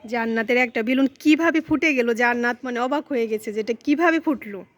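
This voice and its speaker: A woman's voice: on the high side, fairly quick. A woman filming and narrating a casual family vlog, coaxing her small daughter while talking to viewers.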